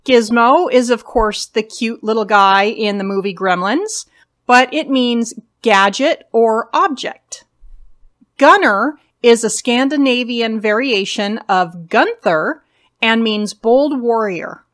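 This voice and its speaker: A woman hosting a video, reading through a list of names and their meanings in a slow, measured way. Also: fairly high pitch, a bit bright. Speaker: video host.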